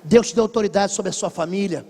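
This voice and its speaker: A high-pitched man with a Brazilian Portuguese accent delivers a sermon in a church. He tells stories emphatically, swinging between hushed passages and loud bursts, and his voice trails off into a long reverb. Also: fast talker. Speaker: pastor.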